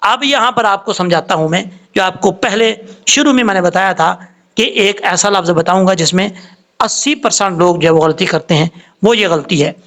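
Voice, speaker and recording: A high-voiced man teaches Quran recitation step by step. He names each letter and its vowel mark, then drawls out the recited word with care. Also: normal speed, fairly bright tone. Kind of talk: slow step-by-step tajweed lesson.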